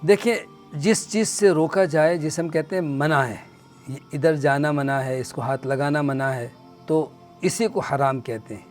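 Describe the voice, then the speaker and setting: A man giving a religious lecture on the Quran, explaining earnestly and reciting Arabic verses slowly. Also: fairly high pitch, faint music behind. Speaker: Quran teacher.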